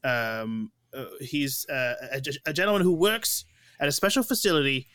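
A man's voice: mid-range voice, sing-song, moderate pace, bright, forceful tone, smooth, no echo. A man playing a chummy, grandiose immortal wizard who hosts a comedy podcast in theatrical horror-host style. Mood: gushing showmanship. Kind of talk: improvised in-character comedy podcast.

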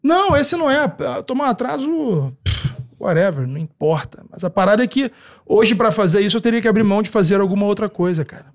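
A man's voice: high-pitched, animated, fast. A man with a Brazilian Portuguese accent speaking emphatically in a casual podcast conversation, often repeating phrases and checking he is understood. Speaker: podcast guest.

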